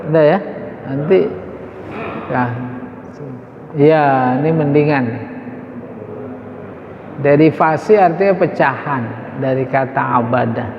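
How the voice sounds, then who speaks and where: A man's voice: fairly high pitch, slow pace, gravelly, pauses often, a little hiss or hum. A man teaching an Arabic grammar lesson in a mosque, quizzing his listeners with informal asides. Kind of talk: religious study lesson. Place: mosque hall. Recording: echoey hall, dull lo-fi sound.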